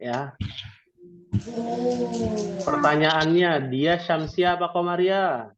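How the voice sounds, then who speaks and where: A man's voice: fairly high pitch, slow pace, noisy background. A man leads an interactive Quran reading class, speaking with a slight tinge. He keeps firing playful questions at his students. The audio is dull and lo-fi. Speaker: Quran and Arabic teacher.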